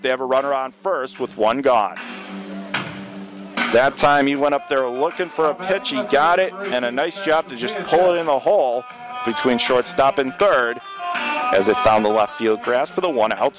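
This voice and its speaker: A man calls a college baseball game on the radio, his fairly high voice steady and measured until a play breaks open and he rises sharply.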